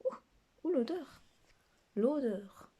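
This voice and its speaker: A woman's voice: high-pitched, expressive, takes it slowly, mellow, breathy edge. A young woman in her teens chatting casually while unboxing skincare products, rambling with many fillers and sometimes dropping to a whisper late at night. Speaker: vlogger. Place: bedroom at night.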